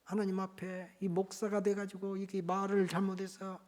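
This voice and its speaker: A man preaching as a pastor, telling a sermon story in an animated way that swings between loud and hushed. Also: high-pitched, moderate pace. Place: church.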